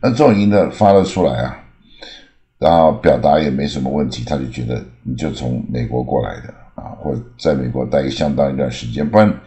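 An older man with an extremely low, dark voice. He explains English words patiently, stretching out example words and dropping in many filler sounds. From Taiwan. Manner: frequent "啊" fillers, slow drawn-out demonstrations. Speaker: English teacher. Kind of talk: explanatory lesson, Mandarin mixed with English examples.

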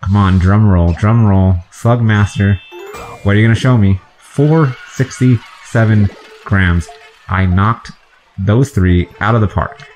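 A man's voice: on the low side, fairly even intonation, a little slow, darkish tone. A man hosting a let's play, chatting and guessing aloud to himself as he plays through a video game. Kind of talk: gameplay commentary. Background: faint game music.

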